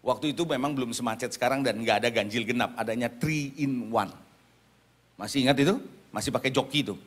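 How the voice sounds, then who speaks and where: A man's voice: mid-range voice, fast. A middle-aged man with an Indonesian accent, preaching a sermon and calling out to the congregation for amens. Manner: preaching with audience call-outs. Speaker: pastor.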